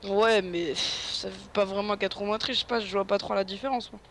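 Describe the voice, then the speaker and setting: A man's voice: sits high, fairly even intonation, fairly quick, a bit bright, slight background noise. A man chatting casually and joking while playing a farming game with a friend. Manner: joking, playful. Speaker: gaming co-commentator. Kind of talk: casual gaming chat.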